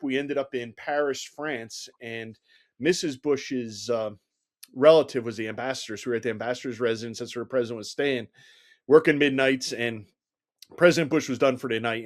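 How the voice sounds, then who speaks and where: Middle-aged man telling lively anecdotes. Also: medium pitch. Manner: animated anecdotal telling, heavy use of "you know", acts out quoted dialogue. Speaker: guest, former Secret Service agent. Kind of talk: conversational storytelling interview.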